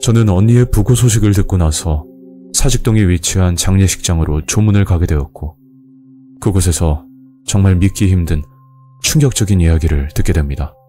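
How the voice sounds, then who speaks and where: A man's voice: deep voice, brisk, dark tone, faint music behind. A man narrating a scripted first-person horror story.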